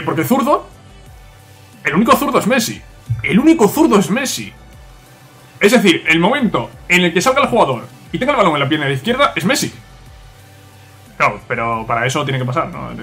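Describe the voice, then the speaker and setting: A young man, excitably commentating his own gameplay and talking to viewers. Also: on the high side. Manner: excitable, talks to viewers, frequent "tío". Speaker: gaming youtuber.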